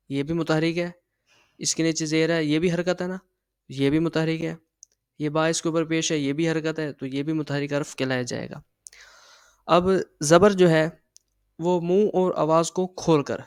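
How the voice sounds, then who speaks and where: A man teaching a Quran reading lesson, patiently explaining and slowly drilling syllables aloud. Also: fairly high pitch, clear, resonant tone, no room sound.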